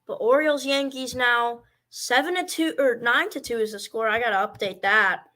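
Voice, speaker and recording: A man's voice: very high voice, normal speed, pushed and bright. A man doing amateur baseball play-by-play commentary, rambling and stumbling over player names.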